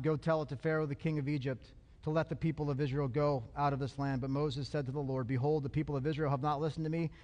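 Pastor, male, high-pitched, punchy repetitive preaching, long hall reverb. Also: darkish tone. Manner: emphatic, repeats phrases for effect. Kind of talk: sermon.

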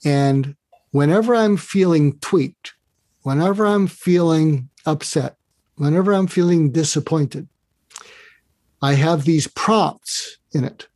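A man talks as a podcast guest in a fairly high voice, earnestly walking the listener through an exercise. He often repeats words as he restarts his phrases. The sound is dry and close. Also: slow pace, a little mellow, no echo. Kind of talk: casual interview talk.

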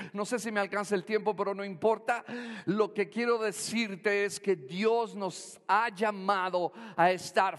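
A man's voice: high voice, fairly bright tone, big-room sound. A male pastor preaching a sermon, speaking emphatically and calling out to his congregation for responses.

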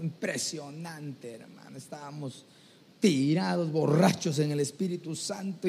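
A man's voice: fairly high pitch, vocal fry, darkish tone. A man preaching a sermon, telling stories animatedly and often calling listeners brother. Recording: long hall reverb.

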